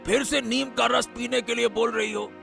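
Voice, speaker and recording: A man voicing a gravelly whiny sick husband. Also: very high voice, steady tone, normal speed, sharp tone, faint music behind, exaggerated voice. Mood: pleading. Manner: whiny and complaining. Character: ailing grumbling husband with stomach trouble. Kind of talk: animated cartoon dialogue.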